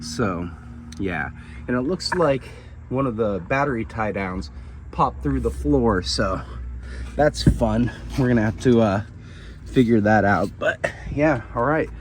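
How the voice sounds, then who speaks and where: A man's voice: mid-range voice, lively intonation, a little slow, slight background noise. Laid-back chatty man outdoors. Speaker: vlogger. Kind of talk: casual vlog. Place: outdoors in a parking lot by a vehicle.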